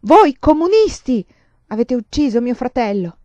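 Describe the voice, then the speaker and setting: A man's voice: high voice, fairly even intonation, quick pace, dark tone, no room sound, close to an everyday voice. A woman voicing a grieving, hot-tempered old male soldier who bursts out in anger, on a dull lo-fi recording. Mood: furious. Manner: outbursts of grief and anger.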